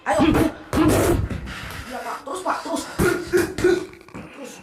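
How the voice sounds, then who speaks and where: A woman's voice: sits high, slow pace, recorded from a distance. A woman voicing a greedy, scornful mother who bickers, mocks and eggs on a fight. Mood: scornful, goading. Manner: bickering, mocking, egging on a fight. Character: scornful greedy mother pushing a rich marriage. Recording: echoey room, off-mic, loud music.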